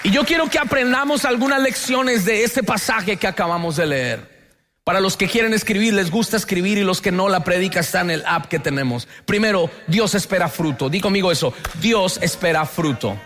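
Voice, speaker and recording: Preaching with energy, a man from Colombia leads his congregation in repeating lines back to him. The pastor has a Colombian Spanish accent and a high voice, speaking fairly quickly.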